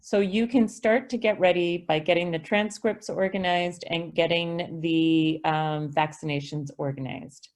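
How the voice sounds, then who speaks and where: Speaking on the low side with a steady tone, this woman talks unhurriedly and with few pauses. She's a school district representative in a webinar Q&A, reading out questions on an online video call and answering them patiently and explanatorily.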